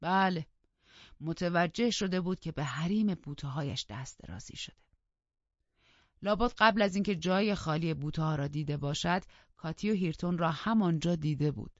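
An audiobook narrator reading a novel aloud in a measured, storytelling manner. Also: mid-range voice, no room sound. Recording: dull lo-fi dry recording.

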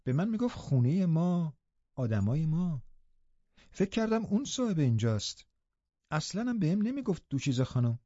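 A man's voice: very animated, dark tone, no room sound, muffled recording. A man voicing a spoiled, haughty young girl who orders people about and grows tearful. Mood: imperious. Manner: bossy, shrill and indignant. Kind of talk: audiobook character voice.

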